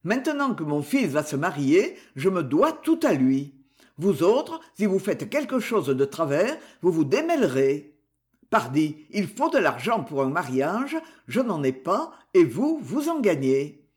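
A boastful, scheming village miller from a storybook reading, as a man puts him on. He sounds blustering and self-assured, his high voice swinging widely. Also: big pitch swings, measured pace. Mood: pompous.

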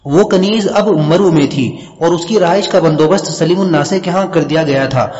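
A man narrating a story as an audiobook in a measured, even storytelling manner. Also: fairly high pitch. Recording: dull lo-fi with long reverb.

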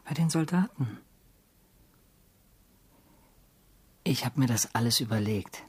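An actor in a radio play voicing a bitter, lonely young soldier who speaks in a brooding, clipped way and often whispers. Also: male voice, mid-range voice, expressive, fairly quick, darkish tone, slightly rough. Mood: pleading. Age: young adult.

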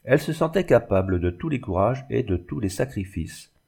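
A man narrating a classic novel as an audiobook, in a measured, literary reading. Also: on the low side, expressive, vocal fry, a little mellow, breathy edge.

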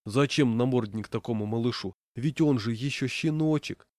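A man reading a story, voicing a good-natured male passenger who speaks in a gentle, cooing way. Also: mid-range voice, moderate pace, no room sound, natural voice.

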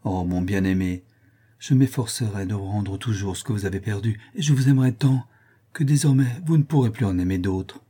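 A tender young wife, soft and consoling as she speaks of love. A man reads her in his own low, husky voice, with a warm, mellow tone. It comes from a storybook reading. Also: normal speed.

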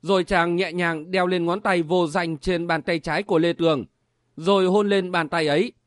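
A man narrating a martial-arts romance audiobook in a steady, even reading manner. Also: high voice, normal speed, clear, resonant tone, dry recording, studio quality. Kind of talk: storytelling narration.

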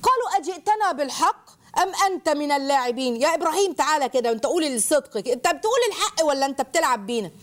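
Fast, animated Egyptian woman teacher. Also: high-pitched. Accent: Egyptian Arabic. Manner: animated, asks the listeners questions. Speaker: religious teacher. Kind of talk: Quranic storytelling lesson for children.

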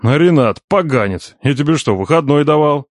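A man reading an audiobook, voicing a gruff middle-aged boss who grumbles and scolds his nephew. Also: fairly high pitch, expressive, moderate pace, no echo, studio quality. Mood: grumbling. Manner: grumbling, bossy, teasing. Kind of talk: audiobook character voice.

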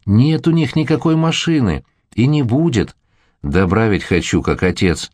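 A man's voice: medium pitch, expressive, normal speed, a little mellow, no room sound, pitched above the performer's own voice, close to an everyday voice. A man reading the lines of a desperate old miller, who pleads and calls out to the crowd. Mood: pleading loudly. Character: desperate old male miller, former master.

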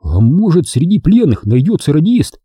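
A man voicing an impulsive young male partisan scout in a wartime audiobook, eager and quick to burst out. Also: a little high, husky, no echo, pitched above the performer's own voice, exaggerated voice. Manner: eager, excitable outbursts.

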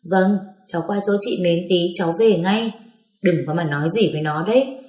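A stubborn teenage schoolgirl who answers back to her uncle, as a woman narrator puts her on. The tone stays mellow and fairly low, close to the reader's own. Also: normal speed, roomy sound, close to an everyday voice. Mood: pert.

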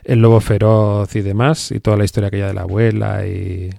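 A man hosts a radio talk show, chatting loosely and laughing easily. His voice sits low with a gravelly, fried edge, and the sound is dry and close. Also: level tone, brisk, mellow, no room sound. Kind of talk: casual radio chat.

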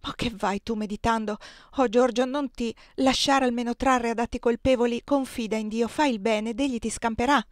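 Woman reading a gentle scared young wife, soft pleading, audiobook, dry sound. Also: fairly high pitch, steady tone, normal speed, no room sound, natural voice. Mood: pleading, fearful.

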